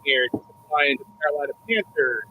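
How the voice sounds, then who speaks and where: A man's voice: on the high side, animated, brisk, phone-quality sound. A man co-hosting a casual sports podcast over a remote call, his mic crackling and cutting in and out. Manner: reads out betting lines in a rundown. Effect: mic cutting in and out, crackly dropouts. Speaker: podcast co-host.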